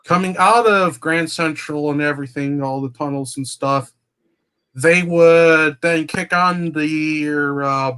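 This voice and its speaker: Slow, rambling man in casual chat. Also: a little high, bright, forceful tone, clean tone. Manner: slow, meandering explanations with many fillers. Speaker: guest on train livestream.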